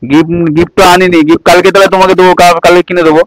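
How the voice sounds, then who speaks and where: A man's voice: sits high, little pitch movement, rapid-fire, dry recording, low-quality recording. A man, pleading and apologizing in a casual home vlog. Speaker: vlogger, husband.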